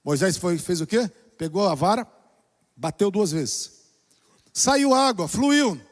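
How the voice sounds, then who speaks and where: A pastor with a high voice preaches in a church. He drops to soft, low lines and then rises to loud exclamations. A long reverb from the hall trails every phrase. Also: animated, takes it slowly. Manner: preaching with dramatic shifts between soft and loud. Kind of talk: sermon.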